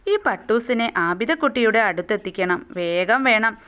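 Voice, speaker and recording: Woman reading as a kindly old moon uncle, gentle, affectionate, storybook voice, smooth and clear. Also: medium pitch, lively intonation, unhurried.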